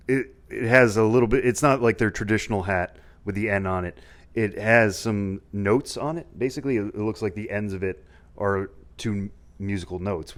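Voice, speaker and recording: A man hosting a podcast, chatting casually. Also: on the low side. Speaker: podcast host.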